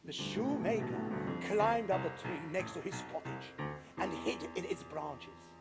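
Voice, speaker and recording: A man narrates a folktale live on stage in a very high, gravelly voice that swoops up and down. His delivery is dramatic and animated. Music plays clearly behind him. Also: measured pace. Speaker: storyteller. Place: stage in a large concert hall.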